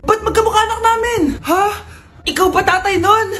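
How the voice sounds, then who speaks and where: A woman acting out comic family skits in a shrill, dramatic way, often shouting. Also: moderate pace, roomy sound. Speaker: comedy skit creator. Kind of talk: comedic skit acting.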